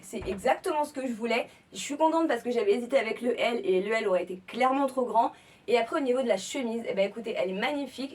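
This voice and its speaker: Chatty young woman, breathy, distant mic. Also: a little high. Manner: chatty, enthusiastic, addressing viewers directly. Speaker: fashion vlogger. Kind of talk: casual try-on haul talk.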